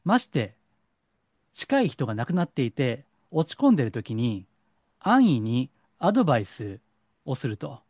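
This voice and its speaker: A middle-aged man from Kansai with a Kansai accent, a psychic counselor giving a lecturing solo talk and slowing down to stress points. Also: mid-range voice, dry recording, clean studio sound. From Kansai, Japan. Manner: lecturing, animated, slows for stress. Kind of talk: solo monologue to camera.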